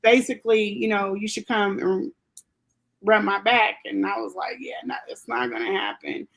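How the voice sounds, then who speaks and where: A woman's voice: mid-range voice, fairly even intonation, normal speed, vocal fry, fairly bright tone. A woman who grew up in Germany, telling a personal story as an interview guest, rambling with many fillers and restarts.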